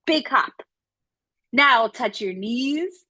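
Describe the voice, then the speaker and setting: Slow, gentle woman guiding kids' yoga. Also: fairly high pitch, lively intonation, dry recording. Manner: gentle, encouraging, playful cues with animal sounds. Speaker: yoga instructor. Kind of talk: guided kids' yoga instruction.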